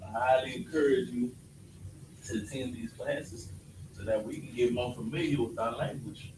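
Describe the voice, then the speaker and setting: Steady in tone and normal in speed, his medium-pitched voice leads a casual alphabet lesson where he keeps making sure the students are following. The room echoes, the mic is far off, and there's a little background noise.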